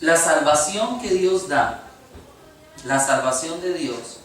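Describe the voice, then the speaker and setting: Preaching slowly and expressively, a pastor from Costa Rica earnestly asks his congregation rhetorical questions, his Costa Rican Spanish accent clear. His voice is fairly high with a fairly bright tone, and the sound comes from a distance in an echoey church sanctuary.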